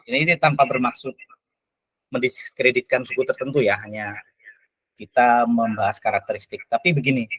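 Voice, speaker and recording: A man, a teacher who is the guest on a talk show, telling stories in a lively, animated way. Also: breathy edge, no echo, poor audio. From Lampung, Indonesia. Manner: animated storyteller, rises in pitch when excited. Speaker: teacher, invited guest speaker. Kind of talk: casual talk-show answer.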